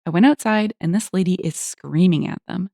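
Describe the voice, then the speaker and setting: A woman narrating internet stories in an animated, expressive, casual way. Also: lowish voice, moderate pace, gravelly, no room sound, clean studio sound. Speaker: story narrator.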